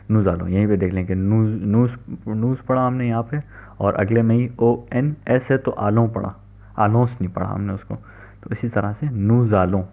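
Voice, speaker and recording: Lower-voiced man teaching over a tinny line. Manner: explains patiently, repeats "theek hai" often. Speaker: language teacher. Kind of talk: recorded lecture. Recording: tinny phone-like recording.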